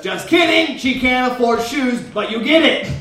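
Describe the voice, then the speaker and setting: A man's voice: very high-pitched, lively intonation, moderate pace, bright, forceful tone, soft background music, heavily acted. A man performing a live comedy monologue as a sassy, brash, self-righteous lunch lady with campy indignation. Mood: indignant, brash. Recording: very echoey live room, distant mic.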